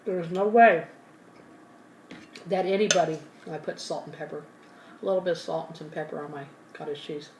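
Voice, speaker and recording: A woman's voice: deep voice, fairly even intonation, moderate pace, pauses often, far from the mic, background noise. A woman hosting an ASMR channel, telling a story in a casual, rambling way while eating, sometimes talking with her mouth full and correcting herself. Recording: roomy and from the mic, faint ambience.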